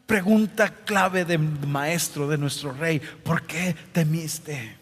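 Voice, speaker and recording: A man's voice: on the high side, a bit bright, husky, in a large hall. A male pastor delivering a sermon, dramatically acting out scripture quotes.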